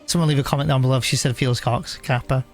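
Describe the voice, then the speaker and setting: A man's voice: mid-range voice, fairly even intonation, fast, faint music behind. A man chatting playfully with a co-player while gaming, teasing and laughing. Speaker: gamer co-host. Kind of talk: casual gaming chat.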